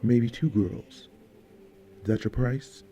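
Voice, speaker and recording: A man's voice: medium pitch, slow, mellow, husky, soft background music. A man voicing a cold, sneering mob enforcer who taunts his captive. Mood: menacing. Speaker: audiobook character.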